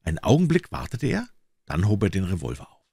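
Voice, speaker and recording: A man reading a classic short story aloud as an audiobook narrator, in an expressive storytelling manner. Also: low-pitched, fast, gravelly, breathy edge, no echo, studio quality. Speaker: audiobook reader.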